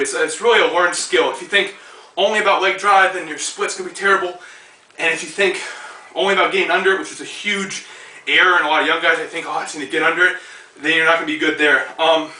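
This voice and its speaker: A twenty-year-old man talks through a strongman lifting demonstration in a loose, casual way, with plenty of fillers between lifts. His voice sits a bit high and sounds bright and forceful. It reaches the camera from some distance, with a roomy gym echo around it. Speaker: strongman athlete and coach. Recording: echoey room, voice far from mic.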